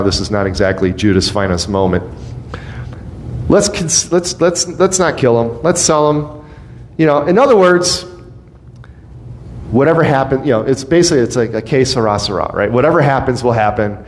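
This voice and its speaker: A male pastor giving a conversational sermon, often acting out the people in the story in quick little voices. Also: fairly low pitch, very animated, slight background noise. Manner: conversational preaching, acts out quoted voices.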